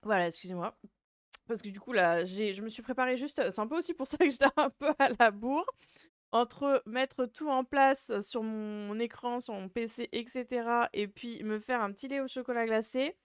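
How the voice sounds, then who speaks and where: A woman's voice: on the high side, moderate pace, clear, resonant tone, no echo, clean studio sound. A woman hosting a livestream in casual chat, with a cute, playful and rambling, hesitant way of talking. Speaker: VTuber livestream host.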